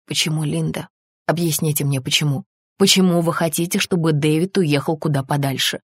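A woman doing a calm, coaxing police detective. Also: sits low, brisk, breathy edge, no echo, clean studio sound. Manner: persistent, soothing.

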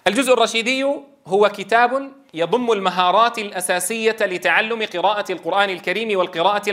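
A man's voice: sits high, bright, forceful tone. A man, a Quran teacher trainer, explaining step by step and asking the class rhetorical questions. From Levant. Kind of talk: lecture.

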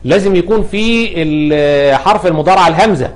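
A man's voice: sits high, a little fast. A man with an Egyptian accent giving a grammar lesson. He repeats example words and asks and answers his own questions. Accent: Egyptian Arabic. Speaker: Arabic grammar teacher.

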